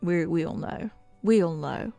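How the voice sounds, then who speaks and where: A woman's voice: fairly low pitch, unhurried, creaky, warm tone, faint music behind. A young woman streaming, chatting casually and reading quiz answers aloud with dramatic flair. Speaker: VTuber streamer. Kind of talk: casual chat.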